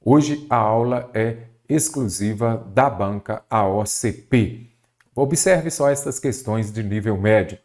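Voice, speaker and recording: A man's voice: lowish voice, takes it slowly, a little mellow. A Brazilian man teaching a Portuguese grammar lesson for exam prep, asking questions and answering them himself.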